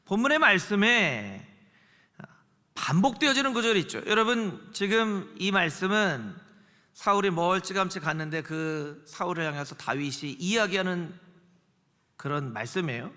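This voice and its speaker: A man's voice: high voice, animated, moderate pace, pushed and bright. A male pastor preaching a Sunday sermon, dramatically acting out the voices he quotes. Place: large church sanctuary. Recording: long church hall reverb.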